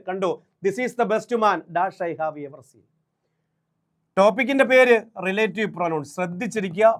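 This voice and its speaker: A man with a Malayali accent teaches an exam-prep English grammar lesson in a fairly high voice. He is brisk and drilling, and he stretches each English example out slowly so students can catch it. He speaks close to the mic.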